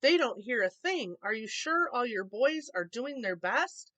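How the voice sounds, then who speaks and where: Lady doing a kind elephant guy from a kids book, high voice, earnest and pleading. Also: sing-song, unhurried, fairly bright tone. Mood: urging. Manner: earnest, urgent. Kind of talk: storybook character voice.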